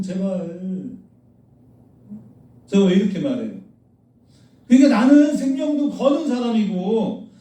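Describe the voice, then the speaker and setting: In an echoey church sanctuary, a man preaches as pastor in a high-pitched, warm voice. He is blunt and scolding, throwing rhetorical questions at the congregation, and the mic is placed far away.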